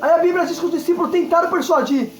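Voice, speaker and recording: Brazilian evangelist man, high fervent preaching voice, echoey room, soft music underneath. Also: fast talker. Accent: Brazilian Portuguese. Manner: fervent, repeats "entenda isso aqui", exclaims aleluia. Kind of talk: Pentecostal sermon. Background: faint music.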